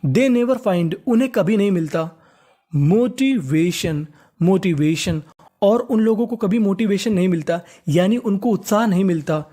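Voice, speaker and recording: An adult teacher, giving a step-by-step lesson, spelling words letter by letter and repeating them slowly. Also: medium pitch, dark tone. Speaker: English teacher.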